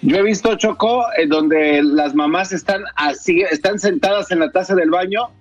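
High-voiced man telling a story. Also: moderate pace, dry recording, highs cut off, faint music behind. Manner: rambling, storytelling. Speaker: radio show co-host. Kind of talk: comedy radio banter.

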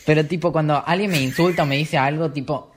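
A man's voice: a little high, steady tone, fast, a little hiss or hum. A teenage boy chatting casually, rambling with lots of fillers and acting out what others said. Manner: rambling, full of fillers, acts out quotes. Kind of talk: casual chat.

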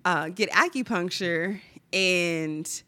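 A woman's voice: fairly low pitch, slow, sharp tone, no echo. A young adult woman with a stuffy nose, chatting casually and candidly as a podcast co-host, often giggling and swearing. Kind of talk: casual personal chat.

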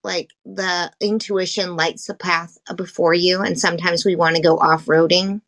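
A woman in a casual spiritual chat, hoarse from allergies, with a husky smoker-like voice and animated storytelling. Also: on the low side, moderate pace. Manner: animated storytelling, acts out quotes. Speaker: guest co-host.

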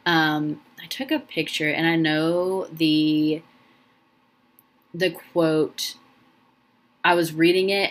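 A woman's voice: sits low, fairly bright tone. A young woman hosting a casual solo podcast, rambling and heartfelt, full of ums and restarts, sounding emotional and close to tears. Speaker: podcast host.

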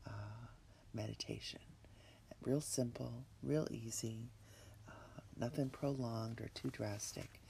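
A host talking the listener through a relaxation exercise in a slow, halting, soft delivery. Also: medium pitch, gravelly, a little hiss or hum. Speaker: podcast host.

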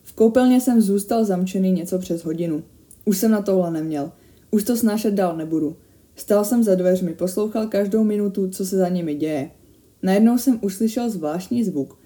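A woman reading a first-person horror story aloud in a steady, measured way that grows tense at the scary moments. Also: mid-range voice.

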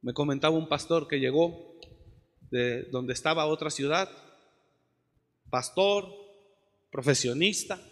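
A man preaching a passionate sermon as pastor, swinging from shouts to soft asides. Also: on the high side, a little slow, long pauses, big-room sound.

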